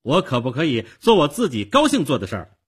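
A man's voice: medium pitch, huge pitch swings, fast talker, fairly bright tone, slightly rough, voice pushed up, full character voice. A man voicing an indignant, stubborn teenage girl who scolds sharply in a storytelling performance.

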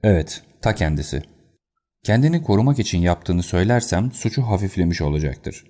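A man reading the lines of a calm, confident detective in an audiobook, in a cool and unruffled manner. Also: deep voice, brisk.

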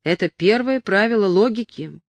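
A woman voicing a patient young man who reasons gently and soothingly with his father. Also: medium pitch, animated, normal speed, no room sound, voice pushed up, close to an everyday voice. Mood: reasoning. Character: patient young adult son, calm and reasoning.

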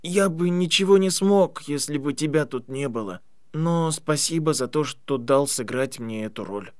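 A man reading an audiobook, voicing a shy boy who speaks softly and meekly. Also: fairly high pitch, animated, normal speed, no echo, clean studio sound, lightly acted. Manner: soft, subdued.

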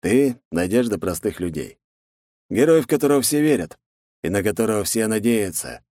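Male reader as a cold, mocking rival brother, measured, lively swings in pitch, dry audiobook sound. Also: no echo.

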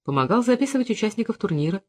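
An audiobook reader voicing a patient, slightly guilty husband who speaks softly and coaxingly. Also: medium pitch, big pitch swings, racing. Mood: gentle. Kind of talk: audiobook character reading.

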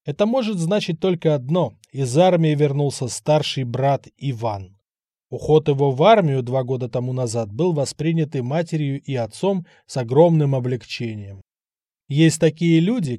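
A man narrating a novel in a measured, unhurried storytelling manner. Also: a little high, mellow, no echo, studio quality. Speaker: audiobook narrator. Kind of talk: novel reading.

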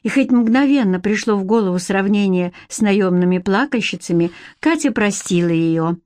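A woman narrating an audiobook in a calm, expressive reading style on a close studio mic. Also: mid-range voice, normal speed, no room sound. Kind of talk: scripted narration.

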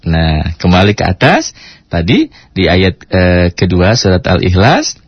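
A man teaching Quran recitation, chatting casually and breaking into slow chanted demonstrations. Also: low-pitched, huge pitch swings, slightly rough, no echo. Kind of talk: tajwid lesson with recited demonstrations. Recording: dry, dull lo-fi radio recording.

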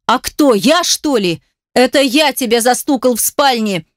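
Woman voicing an angry jealous man, harsh accusing tone, rough swearing, fairly high, dry close sound. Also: lively intonation, unhurried, no room sound. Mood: indignant. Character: furious jealous man confronting his cheating partner.

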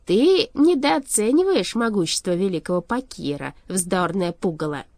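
A woman reading a storybook aloud, voicing a cold, gloating male shadow king who speaks slowly, loudly and lordly. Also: mid-range voice, big pitch swings, dry recording, lightly acted. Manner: slow, loud, lordly.

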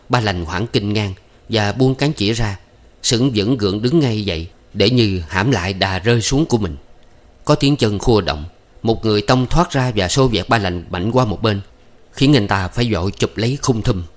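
Low-voiced male story narrator. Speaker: audiobook narrator.

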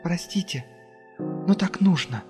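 A male reader voicing an ancient, sorrowful being in a little girl's body, speaking quietly and slowly, in an audiobook. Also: medium pitch, big-room sound, soft background music, lightly acted.

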